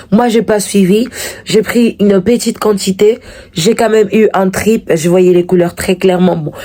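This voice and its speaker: A woman's voice: medium pitch, mellow, no room sound. A woman chatting casually to camera as a vlogger, hesitant and often repeating her words and phrases.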